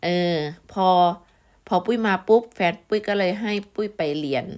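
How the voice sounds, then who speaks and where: A woman's voice: mid-range voice, expressive, moderate pace. Chatty Thai woman vlogger with Isan accent. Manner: chatty, warning tone, many fillers and "everyone". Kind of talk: casual chat to viewers.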